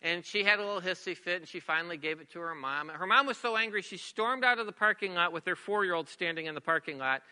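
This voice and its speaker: Bright-voiced male preacher in an echoing hall. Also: high-pitched, quick pace, few pauses, smooth. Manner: storytelling, shifts between loud emphasis and soft near-whispers. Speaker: pastor. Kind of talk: sermon. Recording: long reverb of a large hall.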